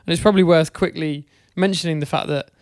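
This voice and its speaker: Smooth-voiced man reviewing cricket. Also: on the high side, fairly even intonation, fast, no echo, studio quality. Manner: thoughtful, hesitant with fillers. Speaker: podcast co-host. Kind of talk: casual cricket chat.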